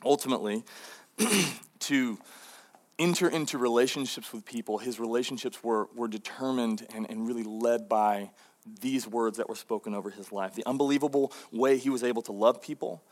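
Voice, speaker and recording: A man's voice: medium pitch, moderate pace. Casual-talking man preaching. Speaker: pastor. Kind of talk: sermon.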